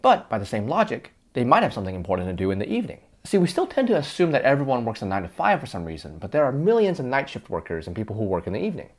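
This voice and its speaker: A man's voice: mid-range voice, huge pitch swings, very fast, hardly any pauses. A man playing several versions of himself in a scripted, conversational debate, arguing back and forth with himself. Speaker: host of an explainer sketch.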